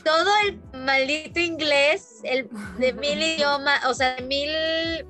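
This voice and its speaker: A Mexican woman guest telling stories in a casual chat, animated and full of fillers. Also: high-pitched, slow pace, faint music behind. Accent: Mexican Spanish. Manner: animated storyteller, many fillers.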